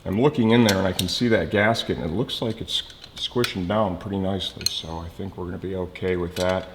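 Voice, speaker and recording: This is a low, steady male voice at a fairly quick pace, an instructor showing how to install something on a motorcycle. He talks casually while working, explaining steps and checking in, amid reverberant workshop acoustics, loud tool clatter and slight background noise.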